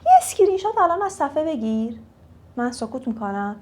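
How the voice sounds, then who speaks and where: A young woman teaching English phrases in a casual lesson, repeating each phrase slowly for learners. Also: high voice, sing-song, darkish tone.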